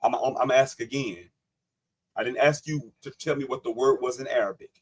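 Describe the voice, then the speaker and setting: A man's voice: mid-range voice, steady tone, moderate pace, slightly rough. A man hosting a live online panel, debating insistently, cutting in and repeating his questions. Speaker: livestream host.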